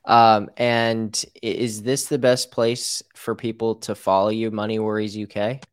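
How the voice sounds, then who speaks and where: A man's voice: on the low side, little pitch movement, a little slow, smooth, no room sound, clean studio sound. An American man hosting a casual interview, informal and rambling, acting out example quotes as he talks. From United States. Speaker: show host.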